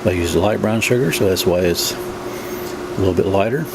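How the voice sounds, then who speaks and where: A man with a fairly low voice talks through a home recipe in a casual, folksy way. He is plain-spoken, and a clear, steady hum of background noise runs under his words in the kitchen. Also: moderate pace. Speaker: home cooking vlogger. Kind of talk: casual narrated cooking demonstration.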